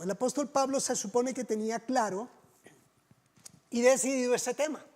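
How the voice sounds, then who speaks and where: High-voiced pastor preaching. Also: male voice, a little mellow. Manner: storytelling, conversational, with rhetorical questions. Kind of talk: sermon.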